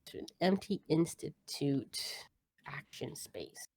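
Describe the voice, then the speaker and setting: A woman's voice: low-pitched, sing-song, takes it slowly, a little mellow, breathy edge, no echo. A woman playing a board game on a stream, asking questions and laughing easily. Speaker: co-host player. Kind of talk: casual board game chat.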